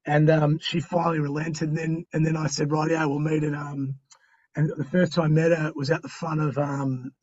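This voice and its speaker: A man's voice: on the high side, flat delivery, moderate pace, a little mellow, far from the mic, highs cut off. A middle-aged Australian man chatting as a podcast guest, telling stories and giving encouragement in an emphatic, slangy, blokey way. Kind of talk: animated interview storytelling and motivational chat.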